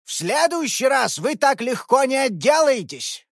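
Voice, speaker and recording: A woman's voice: high-pitched, big pitch swings, measured pace, no echo, clean studio sound, voice pushed up, full character voice. A woman voicing a growling, scolding old man. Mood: angry scolding. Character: gruff angry old man, grandfather's age. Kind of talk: audiobook character voice.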